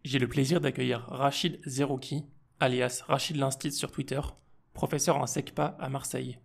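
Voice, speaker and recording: A man hosting an interview podcast, calm and polite as he welcomes his guest. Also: medium pitch, normal speed, gravelly. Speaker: podcast host. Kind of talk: casual interview talk.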